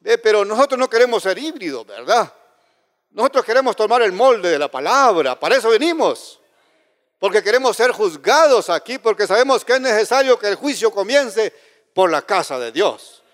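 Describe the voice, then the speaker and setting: Lively high-voiced male preacher in a hall. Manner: frequent "¿verdad?" tag questions, halting restarts. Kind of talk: sermon. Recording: long reverb of a hall.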